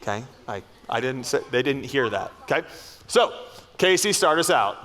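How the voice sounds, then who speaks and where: A man's voice: mid-range voice, lively intonation, normal speed, a bit bright. A man leading a school chapel assembly, joking playfully with the students.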